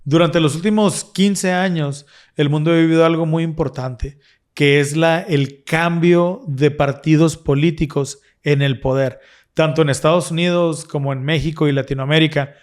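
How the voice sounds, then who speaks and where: A man's voice: a little high, steady tone, normal speed, darkish tone. A man co-hosting a casual religious discussion, explaining earnestly and restarting his phrases often. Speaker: podcast co-host.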